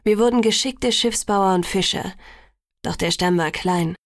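Brief: woman reading old elder telling legends, solemn and measured, dry close sound. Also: medium pitch, dry recording, close to an everyday voice. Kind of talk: audiobook reading.

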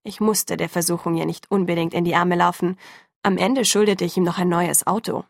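Woman narrating an audiobook, gravelly voice. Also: fairly low pitch, fairly even intonation, fairly quick, dry recording, clean studio sound. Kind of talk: first-person audiobook narration.

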